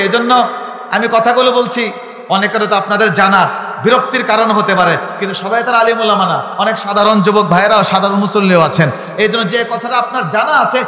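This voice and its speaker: A man from Habiganj, Bangladesh, preaching a fiery sermon to a large gathering, quizzing the crowd with questions and breaking into shouts. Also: very high voice. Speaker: Islamic preacher. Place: large religious gathering over a loudspeaker. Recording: echoey hall with long reverb.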